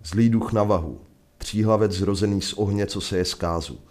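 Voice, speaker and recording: A man's voice: on the low side, lightly acted. Man voicing a grave old townsman. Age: older. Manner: grave, hushed.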